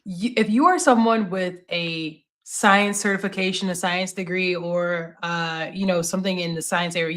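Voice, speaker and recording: An animated woman co-hosting a casual podcast chat. She talks in a slightly low register, laughs often and throws in joking asides. Relaxed, conversational delivery. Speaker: podcast co-host.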